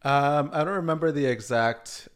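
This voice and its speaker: A young man from Mexico, a podcast guest, talking in a measured, thoughtful way and sometimes correcting himself. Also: fairly high pitch. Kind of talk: casual chat.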